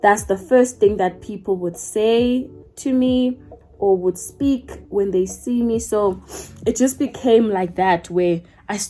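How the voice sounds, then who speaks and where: Here a South African YouTuber in her twenties speaks in a dark-toned voice of medium pitch. It's a chatty get-to-know-me video made to camera, full of rambling and self-correction.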